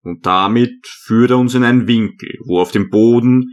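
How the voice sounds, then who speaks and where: A man narrating an audiobook as a first-person storyteller, measured and earnest. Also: mid-range voice.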